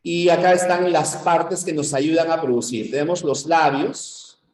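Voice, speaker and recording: A man from Peru gives a university-prep lecture at a board, his voice sitting a little high for a man. He explains things step by step and keeps checking in with short questions to the class. The room is echoey around him. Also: steady tone, unhurried, a little mellow. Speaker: teacher.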